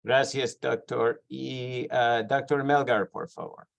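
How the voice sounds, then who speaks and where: A man moderating a panel, giving brief, slow introductions. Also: mid-range voice, gravelly, muffled recording.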